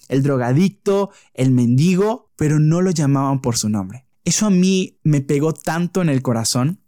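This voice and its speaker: Man preaching a sermon in a mellow voice. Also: fairly high pitch, no room sound, studio quality. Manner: storytelling with vivid retelling and emphatic repetition. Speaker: pastor.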